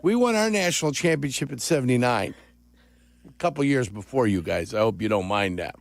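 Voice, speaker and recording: A man's voice: medium pitch, expressive, fairly quick, creaky. An older man hosting bantering sports talk in a teasing, needling manner. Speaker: sports radio host.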